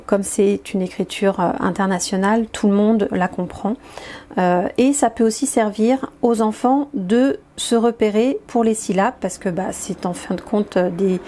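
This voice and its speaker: A woman explaining and demonstrating an educational card game, in a hesitant, explanatory way with many filler pauses. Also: medium pitch, mellow.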